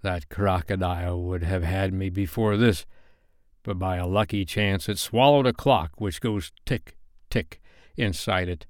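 A man voicing a brooding, vengeful, petulant pirate captain for a storybook, with slow, dark, menacing delivery. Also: lowish voice, clean tone, no room sound, clean studio sound, natural voice. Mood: haunted. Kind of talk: storybook character voice.

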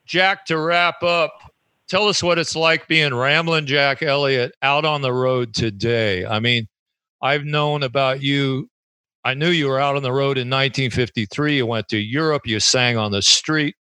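A man with a bright, forward voice leads the interview, friendly and admiring as he asks his questions. The sound is close and dry, with no room around it. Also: medium pitch, steady tone, measured pace, clean tone, dry recording.

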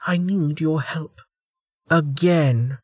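A man voicing a furious, cornered female rogue warrior who snaps and hisses her words through her teeth, speaking well above his own pitch. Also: measured pace, sharp tone, husky, no room sound, studio quality, heavily acted. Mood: angry.

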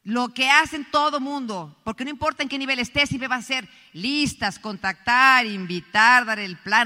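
Speaking at a business event, a middle-aged motivational speaker from Colombia uses a slightly high, bright, forceful voice. Her delivery is emphatic and story-driven, aimed straight at the listeners, with echoey reverb from the hall.

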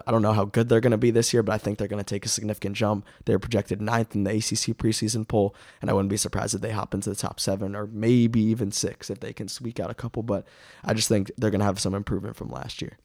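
A man hosting a casual sports preview podcast, his voice raspy as he is under the weather with a cough. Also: fairly low pitch, a little mellow, dry recording, studio quality.

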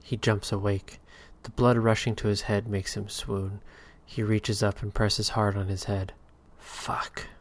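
A man narrating a scripted story in a measured, dry manner. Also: lowish voice, little pitch movement. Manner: measured, dry storytelling with occasional hushed whispers.

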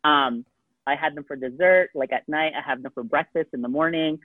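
A man's voice: on the high side, fairly even intonation, a little fast, no room sound. Casual man on a tinny line. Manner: rambling, heavy use of "like" and "um". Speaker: podcast co-host. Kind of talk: casual chat. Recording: tinny phone-like dry sound.

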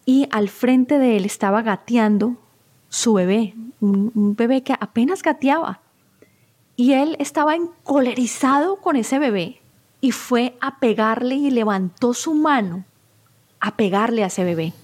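Earnest, high-voiced woman telling stories. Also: measured pace, a little mellow. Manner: earnest, heartfelt, moved. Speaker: spiritual therapist guest. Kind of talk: interview conversation, personal storytelling.

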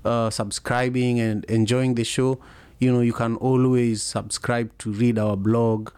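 A man hosts a casual live audio chat as a podcast host, his pitch level with little movement and his tone darkish and smooth. He speaks haltingly, with frequent fillers and restarts, and the sound is dry and close with no room echo.

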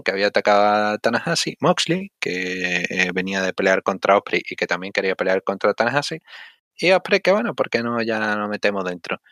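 A man co-hosting a casual sports discussion, thinking aloud in a halting way and often adding little tag questions. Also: lowish voice, fairly bright tone, no echo, studio quality. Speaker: wrestling podcast host.

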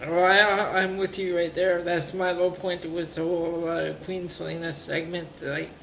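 A man's voice: sits high, little pitch movement, normal speed, gravelly, fairly bright tone, a little hiss or hum. A man co-hosting a podcast, chatting casually about wrestling. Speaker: podcast co-host. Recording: roomy, echoey sound.

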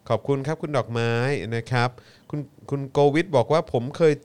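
A man's voice: mid-range voice, a little fast, a little mellow, smooth. A man in his thirties co-hosting a live online show, chatting casually, laughing often and reading viewer comments aloud. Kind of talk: casual live-stream chat.

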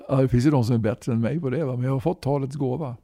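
A man in his sixties, a musician and movement leader, talks freely as a guest in a casual interview, often ending sentences with a questioning "va?". His voice is mid-range and warm, recorded in studio quality with no echo.

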